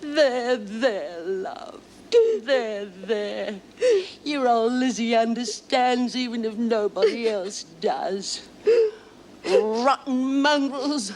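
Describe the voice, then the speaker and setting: A woman's voice: high voice, very animated, unhurried, a bit bright, slight background noise, exaggerated voice. A salty old woman prisoner. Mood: comforting. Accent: Australian. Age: older. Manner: homely, comforting, salty slang. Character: warm-hearted old woman prisoner, motherly and blunt. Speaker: prison inmate. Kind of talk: 1970s TV drama acting.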